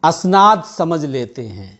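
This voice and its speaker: A man reciting ghazal couplets as a poet at a gathering, declaiming each line deliberately and repeating it for his listeners. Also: a little high, very animated, a bit bright.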